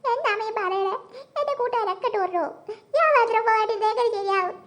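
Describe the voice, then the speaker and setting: A woman's voice: extremely high pitch, fast, a bit bright. A woman voicing a young cartoon schoolgirl who pleads and whines to her parents. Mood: whiny pleading. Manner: pleading, whining. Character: young schoolgirl, the younger daughter, eager and whiny.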